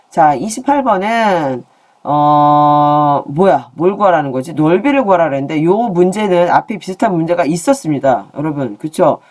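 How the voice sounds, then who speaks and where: A woman teaching a math lesson in a playful, chatty way, asking her students questions and throwing in jokes. Her voice is on the low side and dark, with a pitch that rises and falls a lot.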